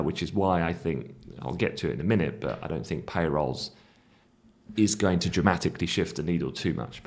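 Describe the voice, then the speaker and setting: A man in his thirties, a market analyst, giving a conversational news briefing on markets from a small room, talking briskly with frequent fillers. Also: deep voice.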